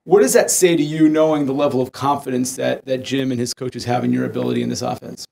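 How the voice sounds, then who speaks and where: A man's voice: mid-range voice, fast talker, vocal fry, dark tone. A man interviewing players after a game, asking long, wordy questions. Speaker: team media interviewer. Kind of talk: postgame press questions.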